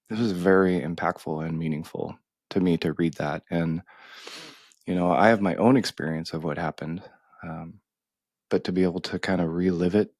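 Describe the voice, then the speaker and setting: A middle-aged man with a deep, low voice shares a heartfelt personal story on a podcast. He speaks haltingly, stumbling and restarting as emotion catches him. The sound is dry and close. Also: darkish tone, dry recording. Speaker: podcast co-host.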